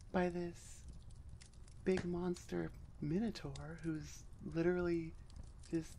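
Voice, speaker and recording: Speaking up close on the mic, a woman who creates audio roleplays closes out with casual, rambling chat, wry and self-deprecating. Her voice sits on the lower side, gravelly and a little mellow, with slight background noise.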